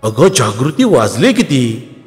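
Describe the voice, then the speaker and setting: A man's voice: mid-range voice, big pitch swings, slow. A male storyteller voicing a worried, stern middle-aged mother who pleads with and scolds her grown daughter. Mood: scolding. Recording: long reverb, faint music.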